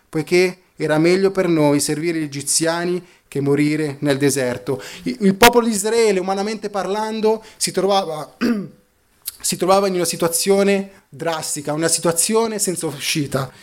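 A man preaching a sermon, telling a story and reading scripture aloud, slowing down and dropping low for emphasis.

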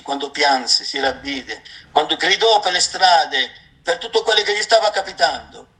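A man preaching a sermon, reading scripture and addressing his listeners as brothers, with impassioned swings between raised exclamations and quiet asides. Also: medium pitch, low-quality recording.

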